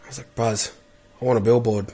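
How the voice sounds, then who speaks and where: A man's voice: mid-range voice, little pitch movement, quick pace, warm tone. Male, 20s, podcast guest. Laid-back, slangy, anecdotal, repeats phrases, mid-range voice. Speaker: podcast guest, rugby league player. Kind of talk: casual chat, anecdotes.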